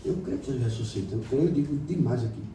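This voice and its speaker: A man, a pastor preaching with passion, moving from quiet storytelling to loud exclamations. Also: mid-range voice, lively intonation, fast talker, a little hiss or hum. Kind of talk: sermon. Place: church meeting room. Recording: roomy hall recorded from a distance.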